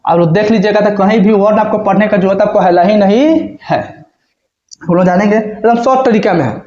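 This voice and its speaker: A high-pitched man drills a grammar lesson, repeating himself and quizzing the class. The sound is roomy and a bit dull, as if from a modest lo-fi setup. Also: fairly quick, warm tone. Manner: repetitive, asks and answers his own questions. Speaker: teacher.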